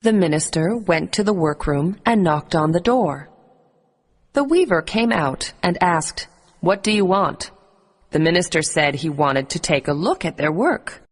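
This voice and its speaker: Lower-pitched woman narrating a children's bedtime story. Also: lively intonation, normal speed, breathy edge.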